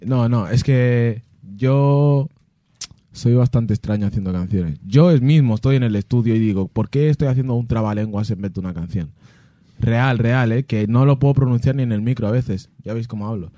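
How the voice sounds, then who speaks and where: A man, a musician answering fan questions in casual, animated storytelling, laughing and mimicking sounds and voices. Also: mid-range voice, moderate pace, no room sound, clean studio sound.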